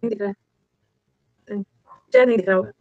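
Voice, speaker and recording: A woman's voice: mid-range voice, steady tone, fast, dry recording, narrow, tinny audio. A woman with an Indian accent teaching a vocabulary lesson, chatty, repeating key words and putting questions to her students. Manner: repeats key words, mixes English into Hindi; chatty, asks the class questions. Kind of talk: online exam-prep vocabulary lesson.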